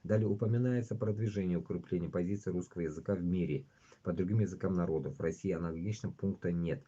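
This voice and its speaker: Talking fast in a low, mellow yet husky voice, a man from Bashkortostan runs a casual livestream where he chats and reads out news items. His manner is blunt and laced with heavy swearing, and the stream audio sounds dull and lo-fi.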